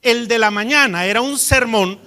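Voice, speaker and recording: A man preaching a sermon as a pastor, telling stories in an animated and emphatic way. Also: very high voice, normal speed.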